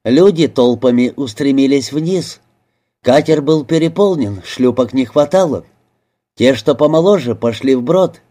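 A male narrator reading a detective audiobook in a measured, expressive storytelling manner. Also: mid-range voice. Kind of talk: scripted narration.

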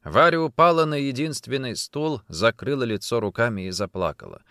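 A man narrating an audiobook in a dramatic, expressive reading. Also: medium pitch, moderate pace, no echo, studio quality. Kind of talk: scripted narration.

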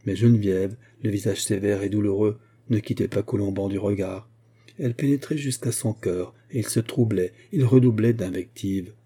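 A man reading a classic novel aloud as an audiobook narrator, in a steady, measured way. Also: lowish voice, husky. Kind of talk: scripted narration.

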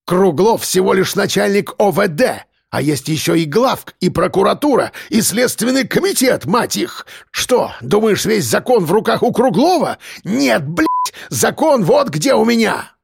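A man narrating puts on a foul-mouthed mayor in a storybook reading, a cursing bully of a boss. The voice sits high and strained with a gravelly rasp, lurching up and down in pitch. The sound is close and dry. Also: very animated, a little slow, hardly any pauses, no room sound, heavily acted. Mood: raging. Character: furious foul-mouthed middle-aged male mayor.

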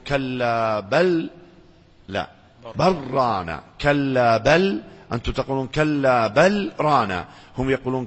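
A man teaching a religious lesson. He chants verses slowly, then explains them and asks the audience questions that he answers himself. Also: medium pitch, a bit bright, husky. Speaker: Islamic scholar lecturing. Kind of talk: religious lecture with Quran recitation. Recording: lecture hall with long reverb.

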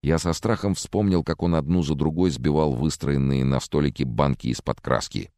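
A man's voice: very deep voice, normal speed, dark tone, no room sound, studio quality. A man narrating a thriller audiobook in the first person, reading expressively.

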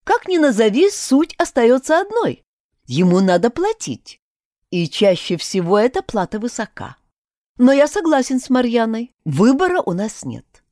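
A woman voicing a measured male companion who explains things deliberately. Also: a little high, big pitch swings, warm tone, no room sound, clean studio sound, voice pushed up.

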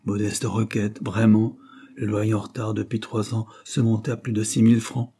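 A man narrating an audiobook in a steady, even reading manner. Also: fairly low pitch, normal speed, breathy edge. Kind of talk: scripted narration.

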